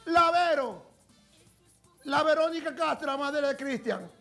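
A man's voice: extremely high pitch, expressive, measured pace, vocal fry, a bit bright, faint music behind, exaggerated voice. A man doing a campy gossip diva. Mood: gossipy. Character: flamboyant gossipy woman TV presenter. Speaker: comic TV gossip presenter. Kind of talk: sketch comedy gossip segment.

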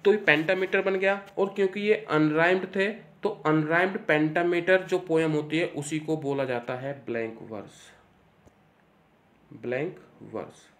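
Man teaching literature, slow and repetitive. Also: on the high side, a bit bright. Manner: reads English lines slowly, then repeats key terms; asks and answers his own questions. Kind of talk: exam-prep lecture, reading English text then explaining in Hindi.

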